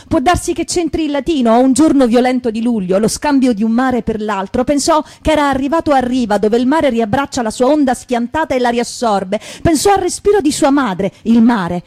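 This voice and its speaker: Female reader, mellow and slightly high, reflective recitation, dry close sound. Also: lively intonation, a little fast, hardly any pauses, dry recording. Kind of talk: dramatic reading of literary prose.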